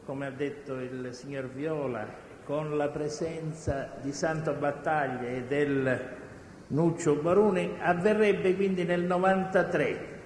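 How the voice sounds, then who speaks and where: Man, defense lawyer, high-pitched voice, probing questions, roomy echoing courtroom, faint hiss. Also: steady tone, slow. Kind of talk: courtroom cross-examination. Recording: echoey courtroom with long reverb and faint noise.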